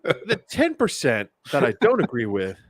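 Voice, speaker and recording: A man's voice: mid-range voice, wildly swooping pitch, moderate pace, no room sound, studio quality. A man co-hosting a podcast, talking casually with lots of stammering restarts. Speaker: co-host.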